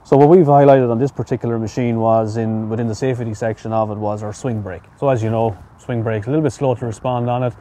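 A man's voice: medium pitch, steady tone, fast talker, hardly any pauses, dark tone, slight background noise. A middle-aged man, an equipment inspector walking through machine reports outdoors at an auction yard, practical and prone to repeating words. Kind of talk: on-site equipment walkthrough.

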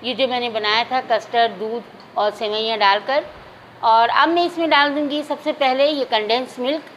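A woman calmly talking viewers through a home recipe, step by step, as the host of a cooking channel. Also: on the high side, normal speed, a little hiss or hum. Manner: calm, instructive, addresses viewers directly.

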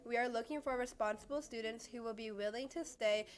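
A woman's voice: fairly high pitch, brisk. A teenage girl reading school announcements, plainly and with occasional restarts. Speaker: student announcer.

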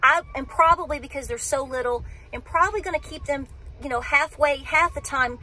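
A high-pitched, pushed, bright voice belongs to a woman who vlogs about her homestead, speaking fairly quickly. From inside a parked car, she rambles chattily to a phone camera held at arm's length, repeatedly breaking off and restarting her sentences.

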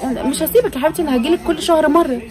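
A woman's voice: high-pitched, rapid-fire, a crowd in the background. An Egyptian woman, a mother vlogging with her family, talking in a coaxing, insistent way. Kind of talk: casual family vlog chat.

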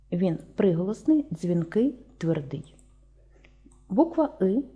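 A woman with a Ukrainian accent giving a slow, deliberate lesson, spelling out sounds one by one. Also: medium pitch, dark tone, slightly rough. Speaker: teacher.

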